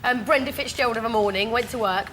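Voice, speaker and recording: A woman's voice: a little high, quick pace, fairly bright tone, a little hiss or hum, rough recording. An English woman co-presenting on TV in casual, chatty banter.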